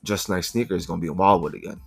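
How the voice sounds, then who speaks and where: Low-voiced podcast host from Philly. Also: male voice, very fast, creaky, slightly rough, faint music behind. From Philadelphia. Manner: animated storyteller, swears freely. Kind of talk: casual chat.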